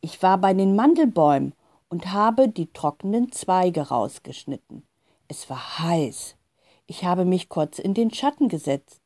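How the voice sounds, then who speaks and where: A woman lends her voice to an earnest teenage boy in a storybook reading, telling something strange with hesitant wonder. The voice sits low and mellow and moves freely in pitch. It is close and dry, with no room around it. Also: lively intonation, measured pace, dry recording. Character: earnest fourteen-year-old boy, shy and wondering.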